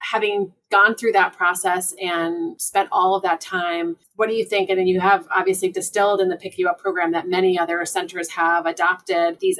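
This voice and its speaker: A woman's voice: fairly low pitch, a bit bright, far from the mic, low-quality recording. A woman hosting a podcast interview, asking long, winding questions with enthusiasm. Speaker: podcast host.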